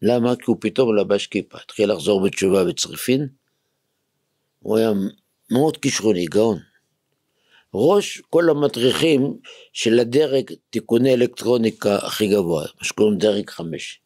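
A man who heads a yeshiva, preaching on the weekly Torah portion. He swings from near-shouts to whispers and keeps putting rhetorical questions to his listeners. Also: on the low side, expressive, dry recording, studio quality. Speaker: rabbi and yeshiva head.

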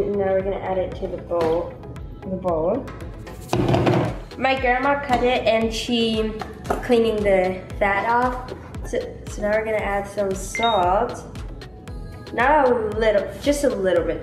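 In this casual cooking vlog, a young woman with a mid-range voice explains each step chattily at a measured pace. She's in a large home kitchen that echoes, music plays in the background, and her handheld camera is at times set down further away.

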